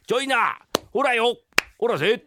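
A man tells a comic rakugo story in rough, brash working-class banter. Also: extremely high pitch, animated, unhurried, background noise.

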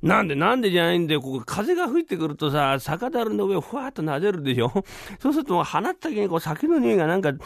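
A man doing a broke young drinker who wheedles for a cup of sake, talking rough. The voice rides up high and swings all over the place, with a gravelly edge, close and dry. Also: big pitch swings, fast talker, hardly any pauses, dry recording, full character voice. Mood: wheedling. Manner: whiny, wheedling, rough-spoken.

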